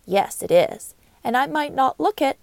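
Proud worker ant, voiced by a woman, loud and brisk, a bit gravelly. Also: sits high, lively intonation, no room sound. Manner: brisk and loud, matter-of-fact. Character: strong, proud female worker ant, busy and friendly.

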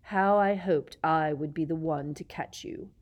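A woman's voice: low-pitched, measured pace, muffled recording. A woman reading aloud and voicing a cold, bitter middle-aged male teacher with a silky, sneering manner in a storybook. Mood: menacing. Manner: sneering, silky, rising to shrieks.

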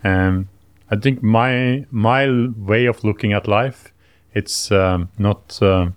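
A Norwegian man co-hosting a podcast, speaking English hesitantly with many pauses and fillers. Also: fairly low pitch, clean tone, no echo. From Norway. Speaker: podcast co-host. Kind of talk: casual podcast chat.

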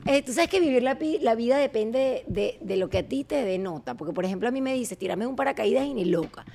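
A woman's voice: fairly high pitch, expressive, fast talker, gravelly, dark tone. A woman hosting a casual interview, encouraging and teacherly. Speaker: host.

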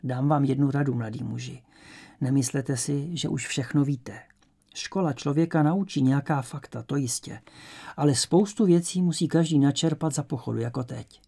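A man voicing a calm, self-assured older male teacher who lectures firmly, in a dark, gravelly voice. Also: fairly high pitch. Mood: lecturing.

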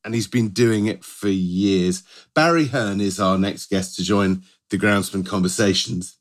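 A man's voice: sits low, measured pace. A middle-aged British man co-hosting a podcast in a conversational style, often rephrasing as he goes. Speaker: podcast co-host.

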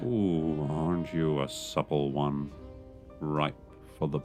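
A sultry, sneaky female intruder, voiced by a man, purring her teasing lines in a comedy audio drama. The voice sits extremely low and moves at an unhurried, drawn-out pace. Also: flat delivery, darkish tone, faint music behind.

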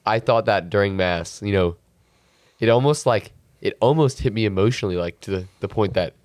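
Low-voiced earnest teenage podcast host. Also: male voice, a little fast, a little mellow, no echo, clean studio sound. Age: late teens. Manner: reflective, earnest, leans on "you know" fillers. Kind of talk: casual podcast chat.

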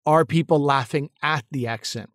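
A man's voice: on the high side, moderate pace, fairly bright tone, dry recording, studio quality. A male actor and comedian answering interview questions thoughtfully, often restarting and repeating words.

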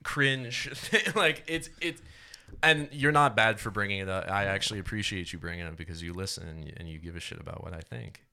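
A man's voice: lowish voice, brisk, gravelly, pushed and bright. A man in his twenties talking politics on a casual podcast, rambling and swearing, laughing often and restarting his sentences. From United States. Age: 20s. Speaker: podcast co-host.

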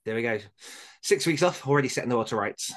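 Fast-talking man co-hosting a podcast. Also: medium pitch, lively intonation. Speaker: podcast co-host. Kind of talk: casual podcast chat.

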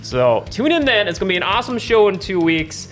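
A man's voice: high-pitched, big pitch swings, a little fast, a bit bright. A man hosting a casual chat show, rambling with lots of fillers as he wraps up the episode. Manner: rambling, filler-heavy wrap-up talk. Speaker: host.

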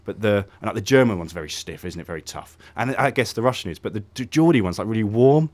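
A man's voice: fairly low pitch, animated, fast, darkish tone. A man hosting a radio chat, casual and self-deprecating, laughing often. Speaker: radio host.

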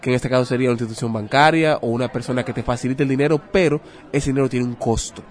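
A Dominican man, a personal finance adviser, speaks rapid-fire as an interview guest, his medium-pitched voice holding a steady tone. He teaches as he goes, tossing out rhetorical questions and examples in his Dominican Spanish accent.

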